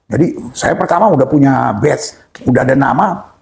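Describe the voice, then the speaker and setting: A male pastor, a guest in an interview, telling an anecdote in an animated, excitable way, often exclaiming and shifting his pace for effect. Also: medium pitch, normal speed, creaky. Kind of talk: animated storytelling in a conversational interview.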